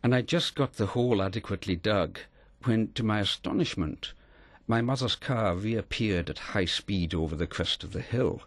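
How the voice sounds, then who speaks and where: A middle-aged man from Scotland, telling a personal story in an earnest, measured way as an interview guest. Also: fairly low pitch, no room sound.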